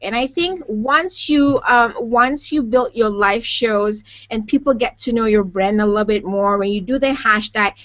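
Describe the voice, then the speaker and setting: A woman's voice: on the high side, normal speed, few pauses, a bit bright, dry recording. A woman hosting a casual live web show, chatting and reading viewer questions aloud over a video call. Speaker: host. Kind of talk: casual live-stream chat. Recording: dull lo-fi web stream audio.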